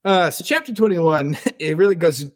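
A man's voice: a little high, animated, moderate pace. Laughing man recapping a fantasy book. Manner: retells scenes, reads quotes aloud, laughs often. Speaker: book podcast co-host. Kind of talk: casual book discussion.

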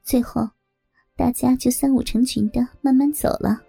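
A woman narrating an adult audio story in a steady, unhurried reading voice. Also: high voice, gravelly, husky, no room sound, soft background music, low-quality recording.

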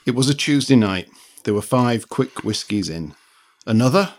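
He's a man of about sixty, originally from Liberia, sharing a short story with his writing group and making some tentative small talk. The voice is medium-pitched and animated at a moderate speed. Uncertainty shows as repeated words.

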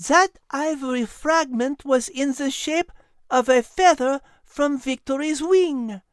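A man reading a storybook, voicing a clever female animal with a French accent, eager and quick to connect clues. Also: very high-pitched, dry recording, studio quality, pitched above the performer's own voice. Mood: excited. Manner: marveling, quick to piece things together. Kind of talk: storybook character voice.

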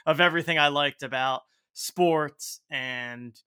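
A man's voice: a little high, unhurried, sharp tone, clear, resonant tone. A man in his thirties chatting casually as a podcast guest, often repeating words as he thinks. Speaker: podcast guest, startup co-founder. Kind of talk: casual interview chat.

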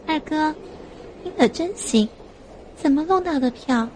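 A woman's voice: high voice, lively intonation, a little slow, darkish tone, a little hiss or hum, voice pushed up. A woman voicing a playful young adult younger sister with a coy, whiny teasing tone.

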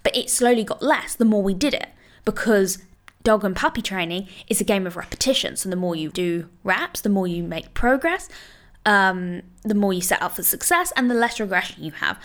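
A woman dog trainer talks through her advice in a loose, chatty way, leaning on "you know" and "like" as she goes. Her tone stays reassuring and encouraging, with a voice at an ordinary middle pitch. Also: animated, normal speed, a bit bright. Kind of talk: casual advice monologue.

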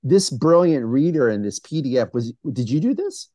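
A man's voice: medium pitch, sing-song, moderate pace, mellow, no echo. Eager man in a dry room. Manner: enthusiastic, interjects eagerly. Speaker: podcast co-host. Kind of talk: casual philosophy discussion.

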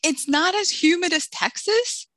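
A woman's voice: extremely high pitch, unhurried, no room sound. A woman from the Dominican Republic, an author interviewed in a casual chat, joking and acting out the voices of people in her stories. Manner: lively, joking, acts out quoted voices. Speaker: author guest.

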